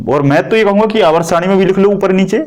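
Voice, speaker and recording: A middle-aged man lectures to a class in a somewhat high voice. He keeps asking his students quick questions and explains with homely examples. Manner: explains with everyday analogies, asks the class rhetorical questions. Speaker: teacher.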